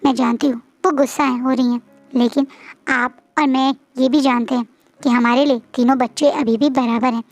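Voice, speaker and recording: Woman voicing a loving mother, soft, consoling, high voice, storybook reading. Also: fairly even intonation, normal speed, no room sound. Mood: tender. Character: gentle loving mother, soothing her son.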